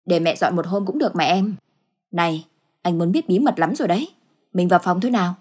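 Woman reading an eager, cheerful young husband, husky low voice, ghost story audiobook. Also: brisk. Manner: eager, warm.

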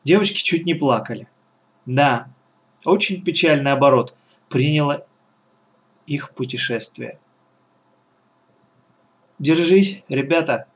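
A man's voice: mid-range voice, unhurried, long pauses, a bit bright. A man reading a children's adventure story aloud as the narrator. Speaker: audiobook reader.

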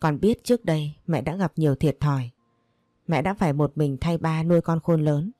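A woman voicing a grown son who pleads softly with his mother. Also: low voice, normal speed, no room sound, studio quality, natural voice. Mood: pleading. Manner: soft, pleading.

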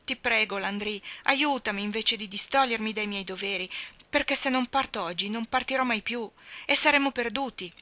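A woman reading the lines of an earnest, resolute young country girl in a steady delivery. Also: on the high side, moderate pace, dry recording.

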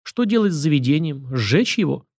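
A man voicing a gloomy, blunt tavern owner who speaks slowly and grumbles, in a dry audiobook reading. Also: fairly high pitch, very animated, a little mellow, no room sound. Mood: timid. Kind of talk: audiobook character voice.

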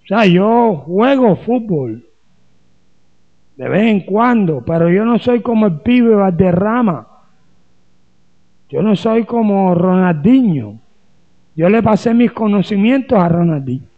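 A man's voice: high voice, expressive, takes it slowly, pauses often, phone-quality sound. A man from Colombia, a pastor preaching a sermon with humor and rhetorical questions.

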